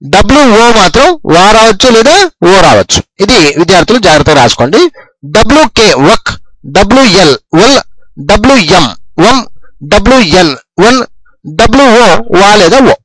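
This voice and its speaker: Lively high-voiced male English teacher. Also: dry recording, rough recording. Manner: slow, repetitive dictation, stressing each sound. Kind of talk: phonics lesson explained in Telugu.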